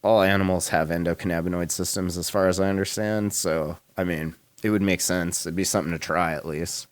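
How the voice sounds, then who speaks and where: A man's voice: low-pitched, fairly even intonation, fairly quick, no echo. A man hosting a podcast in casual chat, laid-back and rambling, swearing and laughing often. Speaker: podcast host.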